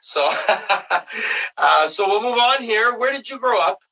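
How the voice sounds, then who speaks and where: A man's voice: sits high, expressive, slow pace, recorded from a distance, muffled recording. A man from Canada hosting a casual remote podcast interview, friendly and rambling with lots of fillers. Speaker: podcast host.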